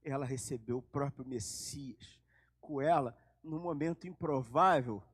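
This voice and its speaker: A man's voice: medium pitch, a little slow, slightly rough, no room sound, clean studio sound. A man preaching a sermon, telling the story dramatically and with animation. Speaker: pastor.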